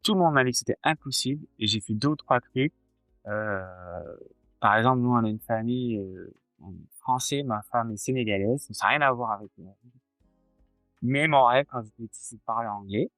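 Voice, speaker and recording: A man's voice: medium pitch, moderate pace, a bit bright, no echo, faint music behind. A man in his forties, a cardiologist guest chatting casually in an interview, hesitant with many fillers and restarts.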